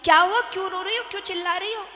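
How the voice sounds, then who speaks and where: A woman's voice: very high-pitched, fairly even intonation, rapid-fire, pushed and bright, slight background noise, voice pushed up. A woman doing a scolding old mother-in-law. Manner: scolding, retorting. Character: scolding older mother-in-law, sharp-tongued. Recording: echoey hall reverb.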